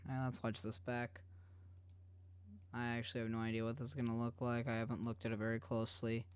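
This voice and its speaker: Smooth-voiced man chatting on stream. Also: mid-range voice, monotone, a little fast. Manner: rambling, full of "like" and restarts. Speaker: streamer animating live. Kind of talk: casual live-stream chat with viewers.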